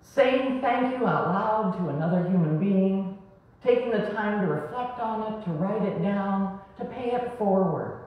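A woman preaching a sermon in a small church, her slow and deliberate words rising and falling for emphasis. The sound comes from a camera well across the room, so heavy echo fills the space and the audio is dull and muffled. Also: mid-range voice, lively intonation, recorded from a distance. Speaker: pastor. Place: small church sanctuary, indoors. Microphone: far camera.

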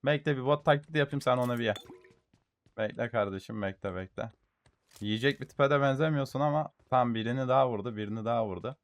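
A young man giving gameplay commentary for a mobile shooter, excitedly taunting enemies and muttering to his audience, with gunfire behind him. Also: mid-range voice, fast, no echo. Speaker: gaming YouTuber.

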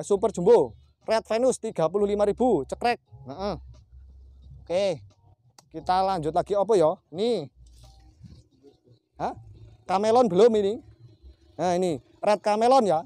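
A man gives an informal sales pitch to camera in repetitive hawker-style patter. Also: mellow, no room sound. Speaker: plant seller hosting a sales video. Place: outdoors in a shade-net plant nursery. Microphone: clip-on wireless lapel mic.

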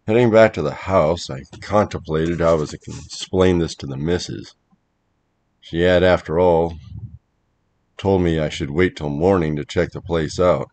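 A man narrating a first-person horror story in a measured, dramatic way. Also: deep voice, darkish tone.

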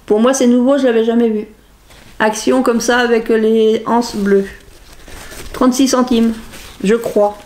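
A woman's voice: fairly high pitch, steady tone, a little slow, pauses often, a little mellow. A middle-aged woman, chatting casually and rambling as she shows off a craft shopping haul, laughing at herself as she goes. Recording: faint background noise with crinkling bags.

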